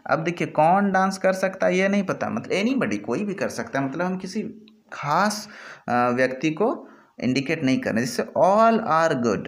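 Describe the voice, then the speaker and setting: Man, Hindi accent, grammar teacher, slightly high voice, explanatory, talks through slides. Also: expressive, normal speed. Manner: explanatory, repeats "ठीक है" often. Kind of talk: grammar lesson over slides.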